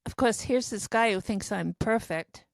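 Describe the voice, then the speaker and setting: Older woman, 70s, podcast co-host; chatty, self-mocking storyteller, medium pitch, dry close sound. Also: moderate pace, creaky, no room sound. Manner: rambling, self-deprecating storyteller. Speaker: podcast co-host telling diary stories. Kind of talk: casual storytelling chat.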